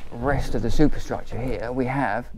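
The handheld boat tour continues with a steady, darkish mid-range voice at a moderate pace, against slight background noise. The English speaker is chatty and enthusiastic, improvising as he moves through the cabins and decks of a motor boat in a marina.

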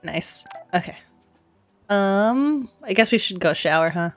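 A young woman, stuffy-voiced from a cough, streams games at home over a headset, chatting, laughing, and reacting aloud in casual let's-play commentary. Her medium-pitched voice is animated yet unhurried, with no echo and soft background music.

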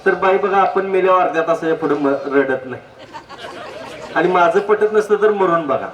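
Male public speaker with a high voice, jokey and anecdotal, miked from a distance in an echoey hall. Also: normal speed, highs cut off, a loud crowd. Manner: jokey, anecdotal, asks the audience direct questions. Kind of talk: humorous public talk. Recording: echoey hall, distant mic, faint noise.

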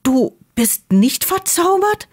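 A woman's voice: very high-pitched, sing-song, takes it slowly, a little mellow, pitched above the performer's own voice, exaggerated voice. A woman voicing an agitated, proud young male wizard student who talks in a heated, incredulous way and keeps raising his voice.

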